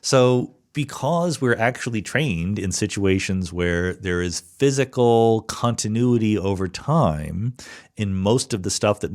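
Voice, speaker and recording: In a low-pitched, darkish voice, a podcast host patiently works through physics ideas in response to listener questions. It's a solo explanatory talk, and as he thinks aloud he keeps checking in with "right?" and "okay?".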